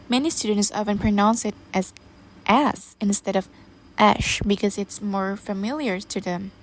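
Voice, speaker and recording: A woman's voice: mid-range voice, slight background noise. A woman giving a class presentation on pronunciation, explaining step by step and introducing each sound with examples.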